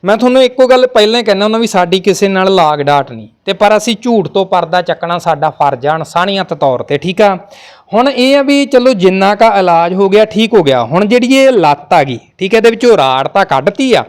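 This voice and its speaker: Earnest high-voiced man reporting. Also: lively intonation, brisk, clear, resonant tone. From Punjab. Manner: consoling, earnest, talks to camera. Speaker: reporter host. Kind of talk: on-location report.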